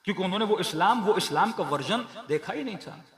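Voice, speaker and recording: In a large prayer hall before a gathered audience, a man with a Pakistani Urdu accent preaches a Shia majlis sermon in a declamatory style, full of rhetorical questions and rhythmic repeated lists. His high voice is gravelly and a bit bright, with lively intonation and a quick pace. Echo and crowd sounds fill the recording.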